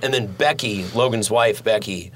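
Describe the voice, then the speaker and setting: A man's voice: on the low side, normal speed, a bit bright. Male podcast host, loose rambling chat, swears freely, studio mic. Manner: rambling and profane, many fillers. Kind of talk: casual chat.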